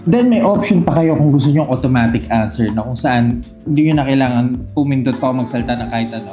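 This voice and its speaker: A Filipino-accented man with a mid-range voice walks through a product as a reviewer, explaining it casually and conversationally while mixing in English phrases. Music plays behind him.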